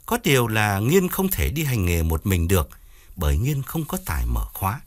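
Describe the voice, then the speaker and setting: A man narrating a ghost story audiobook in an expressive, dramatic way, with soft music behind. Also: fairly low pitch, normal speed.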